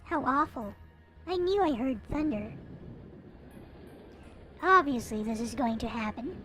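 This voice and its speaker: A high-pitched woman reads a visual novel aloud as its host, animated and a little slow, in a playful, theatrical style. Her intonation swings widely and she drops in casual asides, with soft background music playing.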